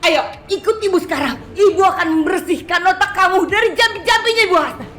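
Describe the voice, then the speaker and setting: A scornful, scheming mother in a dubbed soap drama, sharp and insistent. Her voice sits very high and bright, ringing in an echoey room while faint music plays underneath. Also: fast talker. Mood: pleading. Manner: accusing, mocking, insistent. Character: scornful scheming Indian mother, middle-aged woman.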